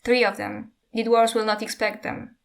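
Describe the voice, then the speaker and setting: A woman reading as a smooth, placating king. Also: high-pitched, level tone, normal speed, a bit bright.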